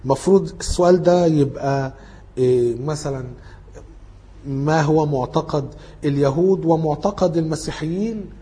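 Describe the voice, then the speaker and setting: An informal lecture is led by a man whose Egyptian Arabic accent colors a fairly high, dark-toned voice at a moderate pace. He tackles study questions one by one, reasoning out loud and fixing his own mistakes.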